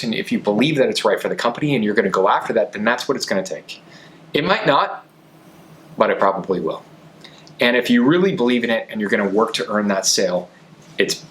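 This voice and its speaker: A man's voice: fairly low pitch, fairly bright tone, poor audio. A man coaching on sales in a conversational way, as a podcast host, stressing his points by repeating key phrases.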